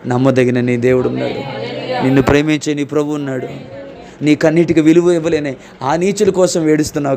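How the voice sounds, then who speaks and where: A man preaching a sermon as a pastor, fervent, often calling out hallelujah and amen and rising to emphatic questions. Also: medium pitch. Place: church.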